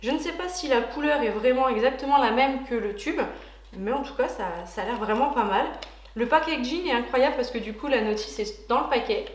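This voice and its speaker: A woman's voice: on the high side, brisk, reverberant, slight background noise. A woman beauty vlogger chatting casually and enthusiastically through a product unboxing, with frequent hesitations.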